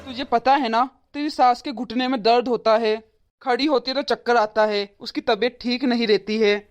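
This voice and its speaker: A woman's voice: on the high side, steady tone, moderate pace, lightly acted. A woman voicing a stern, lecturing elderly father-in-law in a cartoon. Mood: scolding. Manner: scolding, lecturing. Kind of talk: cartoon voice acting.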